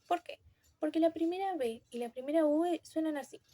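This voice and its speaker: High-voiced young woman explaining, demonstrating sounds. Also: normal speed, warm tone, dry recording. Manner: self-correcting, with fillers. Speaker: student presenter. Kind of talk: classroom video presentation.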